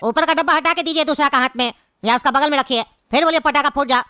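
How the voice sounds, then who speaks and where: A woman voicing a sharp-tongued male firecracker seller in a cartoon, mocking and scolding. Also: high voice, fast talker, background noise, natural voice. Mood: explaining. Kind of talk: cartoon voice acting.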